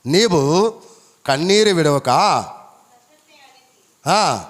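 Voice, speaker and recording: A male pastor preaching a sermon, driving points home with rhetorical questions and high emphatic peaks. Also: expressive, very slow. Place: church hall. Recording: long church hall reverb.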